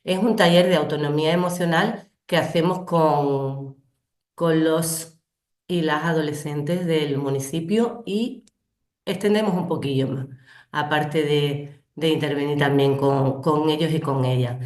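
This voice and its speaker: Low-voiced woman with a cold, echoey room. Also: a little mellow. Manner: slow, deliberate delivery. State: has a cold. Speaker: local project speaker. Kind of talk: online training presentation.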